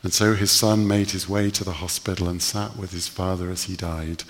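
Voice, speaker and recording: A man preaching a sermon, telling stories earnestly with slow, emphatic pauses. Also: low voice, steady tone, a bit bright, in a large hall.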